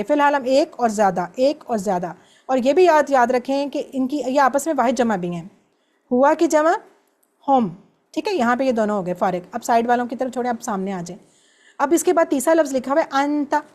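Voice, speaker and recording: A woman's voice: high voice, darkish tone. A woman teaching an Arabic class, patiently drilling words by repetition. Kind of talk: online class lesson.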